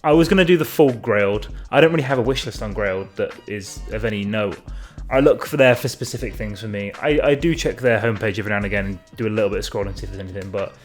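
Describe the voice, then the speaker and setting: A man's voice: on the low side, fast, hardly any pauses, soft background music. A man chatting casually to camera as a fashion vlogger, self-mocking and sweary, often trailing off and restarting his sentences. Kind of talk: casual rambling chat to camera.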